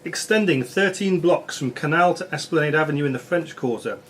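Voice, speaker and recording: A man serves as quiz master at a live quiz in a social club, reading out questions against the room's background noise. His voice is a little high and brisk, and the recording is noisy.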